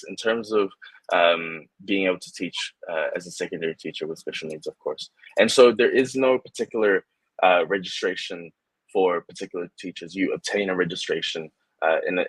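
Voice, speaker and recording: A young man speaking over a video call in a very low, slightly husky voice. He talks as a guest immigration adviser in a loose, conversational way, full of fillers and restarts. The sound is dry and close. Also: dry recording, poor audio. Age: young adult. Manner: relaxed, many fillers and restarts. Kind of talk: casual online interview.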